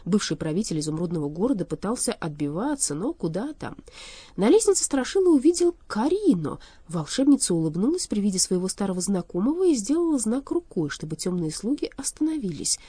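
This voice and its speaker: A woman reads a fairy tale aloud as an audiobook narrator, expressive and steady. Her voice is mellow and her pitch moves a lot. The sound is dry and close. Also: brisk, husky, no echo. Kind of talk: storybook narration.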